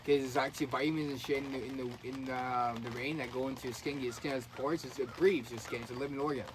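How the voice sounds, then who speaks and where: A man's voice: mid-range voice, fairly even intonation, quick pace. A man talking in a casual, earnest, rambling way, often restarting his sentences. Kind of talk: casual conspiracy chat. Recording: faint background noise.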